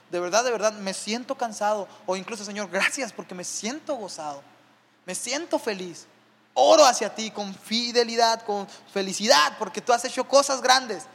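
A man's voice: sits high, a bit bright, long reverb tail. A man preaching a sermon as a pastor, building to emphatic peaks and often tagging his lines with a questioning aside to the congregation. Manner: preaching with rising emphasis and frequent rhetorical "¿verdad?".

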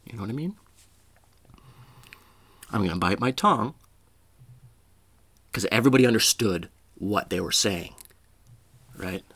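A man's voice: fairly low pitch, expressive, unhurried, pauses often, fairly bright tone, no room sound. A man hosting a podcast, telling a rambling, profane, self-deprecating story in casual talk. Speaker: podcast host. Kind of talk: casual comedic monologue.

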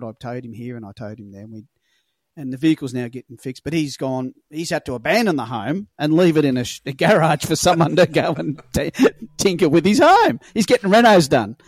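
A man's voice: on the high side, expressive, a little fast, dry recording. An Australian man with a laconic, colloquial way of telling rambling stories in a casual podcast chat, swearing freely. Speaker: podcast guest, lure fisherman.

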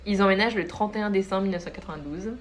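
A young woman telling a ghost story to friends in a casual, lively way, with dramatic pauses. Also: mid-range voice, a little hiss or hum.

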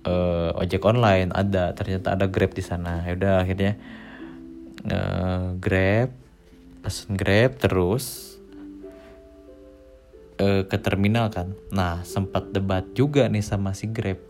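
A young man telling a travel story casually, rambling with many fillers and pauses. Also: low-pitched, steady tone, a little mellow, soft background music. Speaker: travel vlogger.

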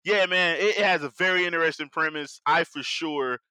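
Bright, slangy male podcast host. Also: on the high side, normal speed, smooth, no room sound. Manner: informal, slangy, upbeat talk. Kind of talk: casual anime podcast chat.

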